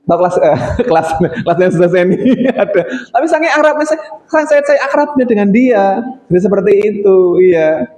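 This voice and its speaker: A man's voice: high voice, lively intonation, moderate pace, a little mellow, poor audio. A middle-aged male teacher, giving an informal training talk to colleagues, chatty with many fillers and acting out quotes.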